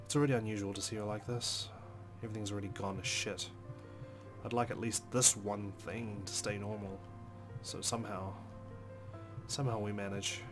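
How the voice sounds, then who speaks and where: With music behind him, a man hosting a let's play narrates the game in the first person. His lowish voice is expressive, and he phrases things dramatically and deliberately.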